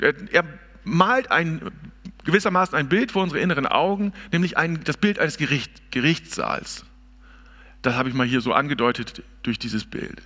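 Man preaching in a big echoey church hall, bright voice, emphatic, talks right at the congregation. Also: sits high. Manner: emphatic and expressive, speaks directly to the listeners. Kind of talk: sermon. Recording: long reverb of a large hall.

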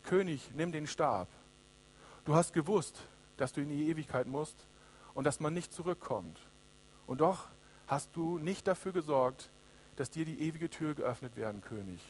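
A man's voice: high-pitched, sing-song, moderate pace, a little hiss or hum. A man voicing a sly court jester who tells hard truths with probing questions. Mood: solemn.

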